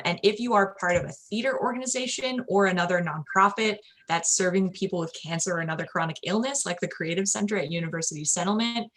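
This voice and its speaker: A woman hosting a video call, upbeat and welcoming as she greets arriving guests. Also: mid-range voice. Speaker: event host.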